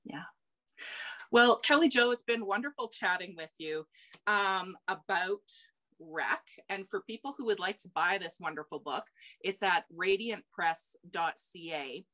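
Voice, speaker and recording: A woman's voice: medium pitch, a little slow, bright, forceful tone. A woman interviewer on a video call, enthusiastic and chatty with many fillers. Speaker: interviewer and host. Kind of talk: casual interview chat.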